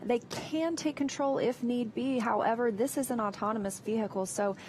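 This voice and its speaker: A woman's voice: fairly high pitch, normal speed, darkish tone, slight background noise. A woman giving live, informal explanatory commentary as a broadcast host.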